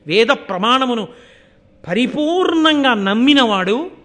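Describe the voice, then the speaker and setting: High-voiced man giving a devotional discourse. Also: unhurried. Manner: expressive, rhetorical, chants verses. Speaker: religious discourse speaker.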